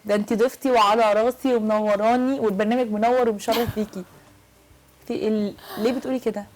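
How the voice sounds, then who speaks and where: A woman with an Egyptian accent hosting a prank show, arguing loudly and defiantly, throwing back short repeated retorts. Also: fairly high pitch, steady tone, quick pace. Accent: Egyptian Arabic. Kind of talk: heated argument with a guest.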